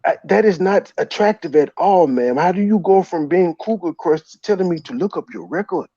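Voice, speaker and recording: This man's high voice is dark-toned and slightly rough, fairly quick with lively intonation. As a livestream host and commentator he banters in a fake comic accent, mock-exasperated and teasing, addressing "ma'am" again and again. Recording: dull, lo-fi and roomy stream audio.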